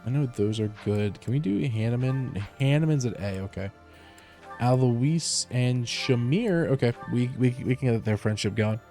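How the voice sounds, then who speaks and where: A male streamer speaks through a livestream headset mic in a relaxed, rambling way. His voice sits at a middling pitch with a warm, mellow tone, and faint game music plays underneath. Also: normal speed. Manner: relaxed, rambling, many fillers and restarts. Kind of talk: casual live gameplay commentary.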